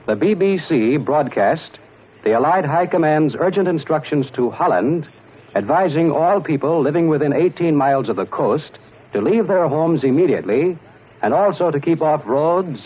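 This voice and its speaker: Husky 1940s radio newsman on a tinny broadcast. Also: fairly high pitch, lively intonation. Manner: measured, formal announcer delivery. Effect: old 1940s radio broadcast, played from archive. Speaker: radio news reporter. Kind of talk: formal wartime radio news bulletin. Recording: tinny narrow-band archival radio recording.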